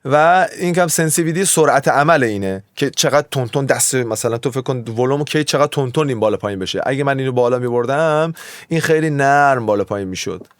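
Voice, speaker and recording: A man's voice: mid-range voice, dry recording, studio quality. A man explaining audio mixing in a casual, chatty tutorial, wandering off into tangents and then waving them away. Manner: chatty, digressive, often waves off his own tangents. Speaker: music producer teaching mixing.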